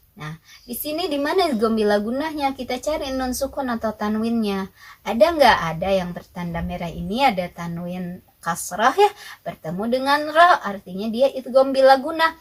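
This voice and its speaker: A woman's voice: fairly high pitch, low-quality recording. A young woman, patiently teaching Quran recitation rules step by step and asking her own questions before answering them. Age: young adult. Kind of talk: recorded tajwid lesson.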